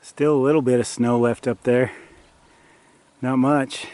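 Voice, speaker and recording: A man's voice: mid-range voice, flat delivery, measured pace, darkish tone, smooth. A man chatting to the viewer as he hikes a mountain trail, a little out of breath, recorded on his camera outdoors. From Utah, USA. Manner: chatty, talks to the viewer while hiking. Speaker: outdoor vlogger. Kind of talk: casual hiking vlog.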